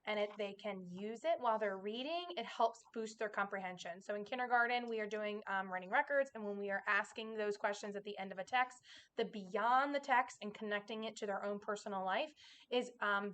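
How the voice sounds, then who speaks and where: A woman's voice: mid-range voice, fairly bright tone, slight background noise. A woman kindergarten teacher giving an informal, conversational presentation to parents, explaining things directly.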